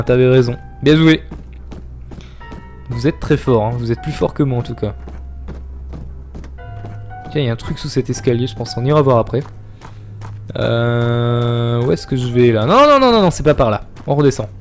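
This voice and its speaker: A man's voice: mid-range voice, steady tone, normal speed, long pauses, darkish tone, faint music behind. A young man chatting and joking as he streams a horror game, reading chat and yelping at scares. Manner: chatty, jokey, reacts with yelps and laughs. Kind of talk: live gameplay commentary.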